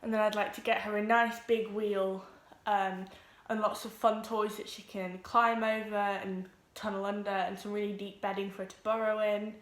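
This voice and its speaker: A teenage girl talks to her camera at home. She sounds nervous, rushes along and fills gaps with ums. Her voice sits in a middle pitch, and the room around her is echoey. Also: little pitch movement. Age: teens. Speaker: vlogger. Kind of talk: casual vlog introduction.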